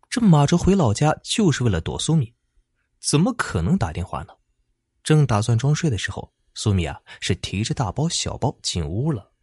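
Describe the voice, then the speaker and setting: A man's voice: lowish voice, a little mellow, breathy edge, dry recording, clean studio sound. A man narrating a story dramatically, stretching out little particles between phrases.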